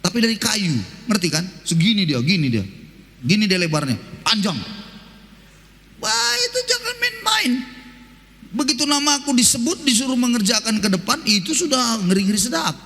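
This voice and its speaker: A man preaching a sermon as pastor, telling stories in a lively, colloquial way with rhetorical questions. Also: sits high, brisk, long reverb tail.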